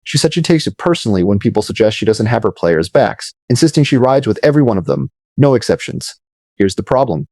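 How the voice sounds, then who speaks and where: A man narrating scripted video commentary in a measured, dramatic storytelling manner. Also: mid-range voice, a little mellow, no echo, studio quality.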